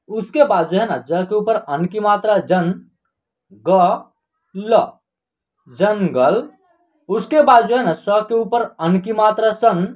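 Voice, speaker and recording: A man hosting an online reading lesson, spelling words out slowly sound by sound and often checking that the viewer is following. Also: sits high, darkish tone. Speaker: online Hindi teacher and channel host. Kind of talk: slow classroom lesson, spelling out words syllable by syllable.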